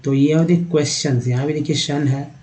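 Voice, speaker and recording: This Indian-accented man teaching English online has a voice on the high side, steady and a little mellow, though the audio is poor. He breaks words into letters and sounds, spelling them out slowly and repeating "dekhiye" to his viewers.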